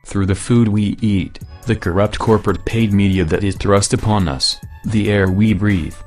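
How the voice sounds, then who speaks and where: A man with a disguised deep voice reading a scripted political statement in a solemn, measured, declamatory way. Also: fairly even intonation, a little mellow, soft background music.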